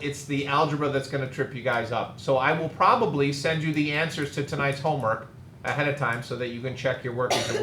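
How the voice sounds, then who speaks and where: Brief: man teaching math, brisk and wry, echoey classroom with faint hiss. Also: medium pitch, bright, forceful tone. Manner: brisk, teasing, direct. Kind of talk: classroom lecture.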